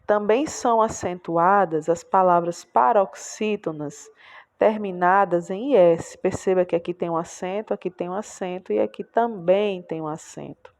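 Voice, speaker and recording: A woman's voice: on the low side, moderate pace, a little mellow. A Brazilian woman teacher explaining a lesson patiently, repeating words aloud and checking in with tag questions. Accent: Brazilian Portuguese. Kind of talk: classroom lesson walkthrough.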